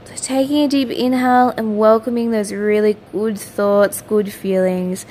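A woman with a mid-range voice narrates a guided meditation. She is soothing and gentle, repeating soft instructions in a lulling way. Faint ambient noise sits behind her voice. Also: mid-range voice, level tone, unhurried. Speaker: meditation teacher, host of a daily guided meditation.

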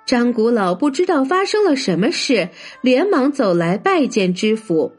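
A woman telling a traditional folk tale as a children's storyteller, in an expressive, lively way. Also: fairly high pitch, measured pace, slightly rough, faint music behind. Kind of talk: storybook narration.

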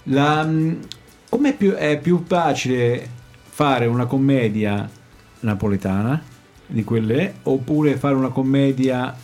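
A man's voice: mid-range voice, slow pace, darkish tone, faint music behind. A man hosting an informal interview, often searching for his words as he asks. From Ascoli area of Italy. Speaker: interviewer, host.

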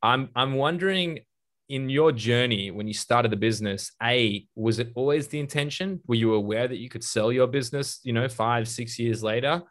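A man's voice: medium pitch, moderate pace, a bit bright. A man hosting a podcast interview, chatty and rambling, who laughs often. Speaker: podcast host. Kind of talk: casual interview.

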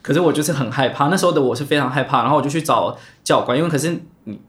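A man's voice: medium pitch, very fast, slight background noise. A young man, telling a long personal story on a chat podcast, rambling and restarting often. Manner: rambling, many restarts and repeated words. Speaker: podcast co-host.

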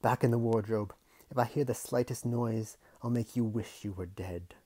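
A man voicing a fierce, quick-tempered nobleman uncle who barks loud orders in a storybook reading. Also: fairly low pitch, husky. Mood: furious. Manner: barking orders, raised voice. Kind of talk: audiobook character voice.

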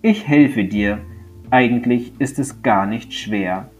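A man's voice: mid-range voice, takes it slowly, a little mellow, faint music behind, close to an everyday voice. A man as a patient, kindly forest creature. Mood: helpful.

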